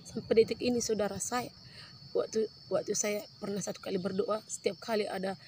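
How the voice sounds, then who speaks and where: A woman's voice: mid-range voice, fairly even intonation, fairly quick, warm tone, slight background noise. A woman giving an earnest testimony in a sermon, often turning to address the congregation.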